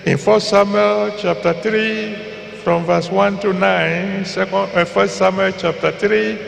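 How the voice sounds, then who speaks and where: A man with a Nigerian accent preaching a sermon deliberately, pausing between short phrases and repeating them for emphasis, his voice gravelly and creaky. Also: high-pitched, fairly even intonation. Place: large church auditorium with PA reverb. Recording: reverberant large hall, faint background noise.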